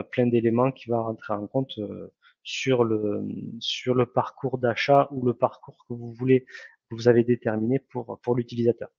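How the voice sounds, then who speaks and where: Male trainer, husky gravelly voice, halting delivery with constant restarts; dull dry recording. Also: medium pitch, darkish tone, no echo. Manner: many fillers and self-corrections. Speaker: online ads trainer. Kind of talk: hesitant spoken lesson.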